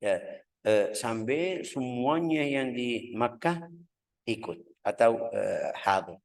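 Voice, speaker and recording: A man from Yemen, speaking, leads a religious lesson on the Prophet's life. His delivery is halting, full of filler sounds as he hunts for words. He brings the story to life by voicing its calls and dialogue. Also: medium pitch, animated, creaky, slight background noise, poor audio. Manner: hesitant, with many filler sounds while searching for words. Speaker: Islamic studies teacher.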